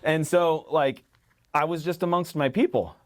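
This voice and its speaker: A man chatting as a podcast guest, a rambling, animated storyteller who swears casually. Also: fairly high pitch, moderate pace. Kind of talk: casual conversation.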